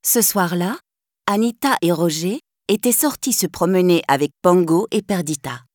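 A woman narrating a children's storybook in a clear, gently expressive reading. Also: fairly low pitch, moderate pace, dry recording, clean studio sound.

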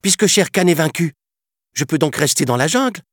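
Mowgli, a man doing a high defiant jungle boy. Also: animated, slightly rough, no room sound, studio quality, full character voice. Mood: eager. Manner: bold and eager, quick. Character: brave defiant young boy raised by wolves. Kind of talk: storybook narration.

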